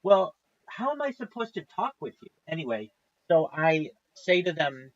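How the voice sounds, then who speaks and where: A man's voice: fairly high pitch, big pitch swings, moderate pace, dry recording, dull audio. A man in his thirties, a livestreamer, tells a long story in a casual, profane, exasperated way. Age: 30s.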